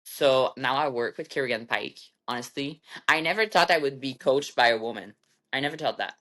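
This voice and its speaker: A woman's voice: very deep voice, brisk, fairly bright tone. A woman with a French Canadian accent, a podcast guest chatting casually and a little nervously about her bodybuilding seasons. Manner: slightly nervous, chatty with fillers. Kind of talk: casual interview chat.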